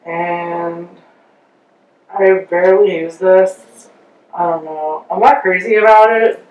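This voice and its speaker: A woman's voice: lowish voice, fairly even intonation, slow, darkish tone, distant mic. Chatty vlogger woman in a sheet mask, rambling and trailing off, set back from the mic in an echoey room. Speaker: beauty vlogger. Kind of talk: casual chat reviewing makeup.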